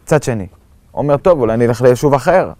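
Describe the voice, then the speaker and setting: A young man from Israel giving a halting personal testimony of surviving an attack, with many fillers and restarts. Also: medium pitch, a little mellow, no echo. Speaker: eyewitness recounting an attack.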